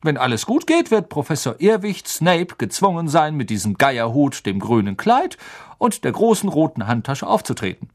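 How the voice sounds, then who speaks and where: Guy putting on a good-natured teacher voice, high and singsong, coaxing slowly, audiobook style. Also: big pitch swings. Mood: cheerful coaxing. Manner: cheerful, coaxing, drawn-out questions. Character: good-humored, kindly middle-aged male professor.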